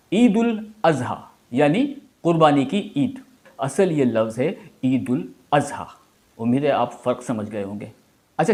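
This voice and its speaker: A man's voice: mid-range voice, darkish tone. A man with a Pakistani Urdu accent explaining word meanings in a chatty style, asking rhetorical questions as he teaches. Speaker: language teacher.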